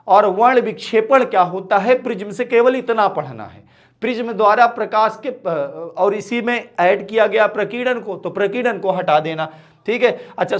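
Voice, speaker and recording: A male physics teacher gives a direct exam-prep lesson, often calling his students "beta" and checking in with them. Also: sits high. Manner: direct, repeats "ठीक है" and calls students "बेटा".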